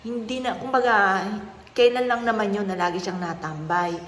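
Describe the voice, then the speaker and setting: A woman, a mother telling a personal story in a soft, earnest, polite way. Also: mid-range voice, steady tone, moderate pace. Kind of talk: casual vlog talk. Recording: echoey room with faint noise.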